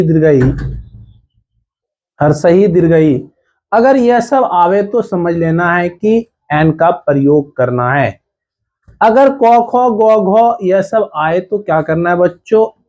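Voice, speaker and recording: A man's voice: high-pitched, a little mellow. A man teaching a grammar lesson to children, asking them questions and answering them himself, repeating the key words again and again.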